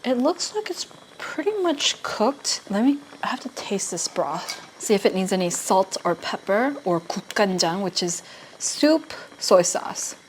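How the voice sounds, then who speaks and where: A woman's voice: medium pitch, moderate pace. Chatty woman vlogger, noisy background. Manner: expressive, giggly, switches into Korean phrases. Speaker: vlog host cooking on camera. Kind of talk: casual chatty cooking vlog to viewers. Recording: noticeable background noise.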